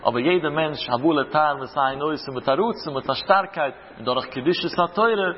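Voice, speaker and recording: Rabbi preaching in a reverberant hall. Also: male voice, fairly high pitch, brisk, slight background noise. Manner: teaching with rhetorical questions and anecdotes. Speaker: rabbi giving a Torah talk. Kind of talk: religious lecture with stories. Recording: reverberant hall, dull lo-fi sound.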